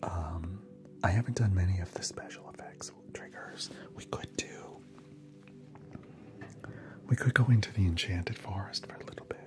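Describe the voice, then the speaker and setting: A low-voiced man keeps almost everything in a soft, breathy whisper as he hosts an ASMR livestream. He chats easily and replies to viewer comments one by one, with clear music playing behind him. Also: moderate pace, long pauses. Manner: chatty, answers viewer comments aloud between snacks.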